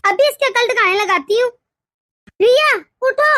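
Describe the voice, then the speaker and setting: Woman doing a very high-pitched nagging cartoon saas, shrill and taunting, bone-dry sound. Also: expressive, moderate pace, fairly bright tone, no echo. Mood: scolding. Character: scolding middle-aged mother-in-law, short-tempered and self-pitying. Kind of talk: animated cartoon dialogue.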